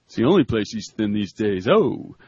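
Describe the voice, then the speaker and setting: Husky man on sports radio, muffled sound. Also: on the low side, very animated, normal speed, mellow, no room sound. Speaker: sports radio show co-host. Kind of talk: casual sports talk, reading listener emails aloud. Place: radio studio. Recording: muffled, dull lo-fi audio.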